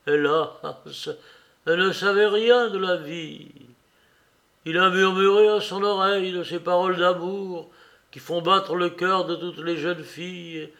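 A man voicing an older, grieving father who rants with loud, impassioned outbursts of rage and anguish. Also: high-pitched, takes it slowly, creaky, voice pushed up, full character voice. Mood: enraged grief. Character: older grieving father, a mayor, enraged and vengeful. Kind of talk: audiobook reading.

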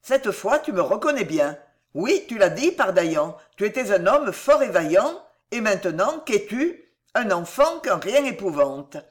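A reader voicing a cold, menacing grand inquisitor in an audiobook, calm and slow, spacing out each word with insistence. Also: medium pitch. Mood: harsh triumph. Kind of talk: audiobook reading.

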